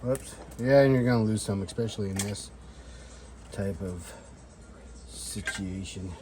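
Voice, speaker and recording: Amid a noisy background, a man with a lowish voice talks at a measured pace while demonstrating fire starting for his outdoor vlog. The chat is casual and rambling: tipsy drinking talk, self-deprecating and salty-tongued.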